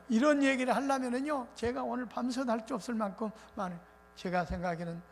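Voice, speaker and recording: A male pastor preaching a revival sermon in an animated, colloquial storytelling way. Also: high voice. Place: church sanctuary. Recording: reverberant church hall with faint noise.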